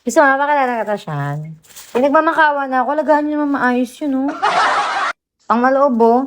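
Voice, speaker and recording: A woman hosts a casual livestream, chatting with and teasing her viewers and breaking into soft singing now and then. Her high voice is expressive and a little fast, and there is loud background noise.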